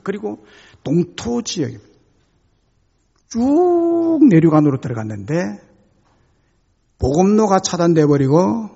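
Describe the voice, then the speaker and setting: A man's voice: high voice, gravelly, darkish tone, breathy edge, lo-fi sound. A male pastor preaching a sermon, telling stories dramatically with sudden emphatic swings.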